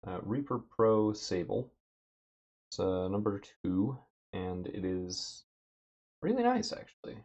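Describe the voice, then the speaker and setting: A man livestreaming as he paints a miniature, thinking aloud in a relaxed way with lots of fillers, his throat a bit dry and rough. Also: sits low, dull audio. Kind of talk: casual livestream chat. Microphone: desk mic with noise gate.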